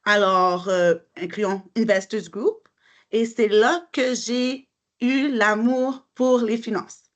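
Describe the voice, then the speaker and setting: A woman's voice: fairly high pitch, steady tone, slow. A woman from Montreal with a Quebec French accent, answering interview questions as a mortgage broker, friendly and hesitant with many fillers.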